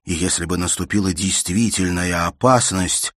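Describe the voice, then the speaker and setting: A man's voice: sits low, steady tone, normal speed, a bit bright, no room sound, clean studio sound. A man voicing an anxious, reassuring young man. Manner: earnest, insistent reassurance. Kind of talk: audiobook character voice.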